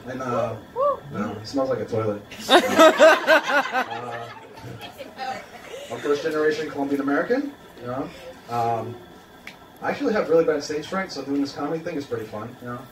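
His voice is on the high side and sing-song, at a moderate pace with frequent pauses, as a young man from Queens, New York, delivers dry, self-mocking stand-up laced with ums and uhs. The small indoor café open mic is captured by a phone in the crowd while he holds a handheld mic, giving distant, roomy, noisy sound with a crowd audible, including laughter and room noise.

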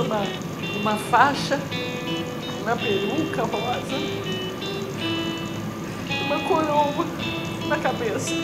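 An actress playing a grieving mother who lost her son, in an intense, pleading theatre monologue. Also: a little high. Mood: reflective. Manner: intense, pleading, breaking into shouts. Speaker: stage actress. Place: theatre stage. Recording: echoey theatre with loud music.

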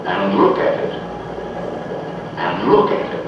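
A man's voice: deep voice, sing-song, takes it slowly, recorded from a distance, background noise. A man giving emphatic, declaiming narration on an old 1950s newsreel soundtrack that is being played back. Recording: lo-fi newsreel with music, played in a roomy hall from afar.

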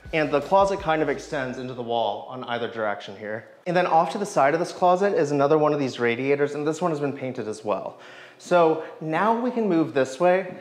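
A man in his thirties hosting a walking tour of an old house, enthusiastically guiding viewers from room to room. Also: fairly high pitch. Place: empty old house, indoor rooms.

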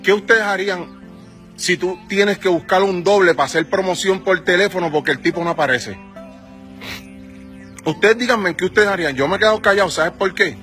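A Puerto Rican music manager in his forties rants angrily into his phone at arm's length on a sunny residential street, firing rhetorical questions at his followers in a Puerto Rican Spanish accent. His voice sits high and sounds pushed and bright.

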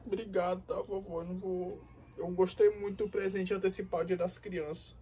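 A woman's voice: fairly low pitch, flat delivery, fairly quick, mellow, slightly rough, distant mic. A woman playing an overdramatic little boy. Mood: sarcastic. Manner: mock-sincere, overdramatic. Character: young boy, sarcastically grateful. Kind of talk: comedic sketch acting.

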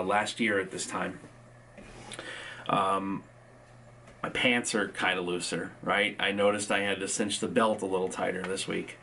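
A man with a very low voice talks loosely through a video diary update, filling pauses with ums and uhs. He sounds a little sleepy, as if it is early in the morning. A faint hiss sits under the recording. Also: vocal fry, fairly bright tone. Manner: rambling, frequent ums and uhs. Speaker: vlogger.

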